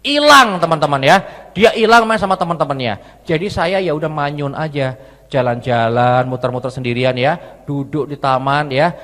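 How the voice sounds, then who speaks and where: A male preacher in conversational sermon mode, weaving personal stories into his message and speaking to the congregation as friends. His voice sits a little high for a man. It rings out with a long hall reverb. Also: normal speed, fairly bright tone. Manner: conversational, addresses listeners as friends, repetitive.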